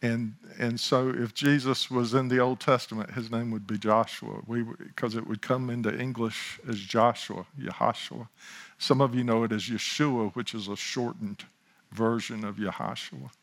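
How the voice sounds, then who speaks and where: A man's voice: mid-range voice, steady tone, normal speed, creaky, a bit bright. A man, praying and then preaching informally, with chuckling asides and restarts. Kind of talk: sermon with opening prayer.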